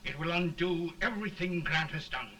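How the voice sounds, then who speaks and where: An anxious officer in an early talkie. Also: male voice, a little high, normal speed, bright, forceful tone. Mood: worried. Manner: formal, worried, clipped. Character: anxious, formal male officer advising a president. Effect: early talkie film sound. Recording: distant, hissy early sound film.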